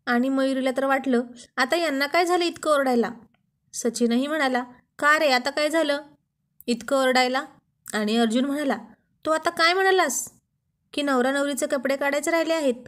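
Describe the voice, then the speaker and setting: A woman with a high, light voice narrates a story. She reads the dialogue in a lively, playful way.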